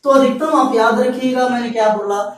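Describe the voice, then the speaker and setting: A man's voice: very high voice, steady tone, fairly quick. A male English teacher giving a grammar lecture to students, repeating each point and addressing them directly. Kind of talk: Hindi-language grammar lecture. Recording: very echoey room, far from the mic.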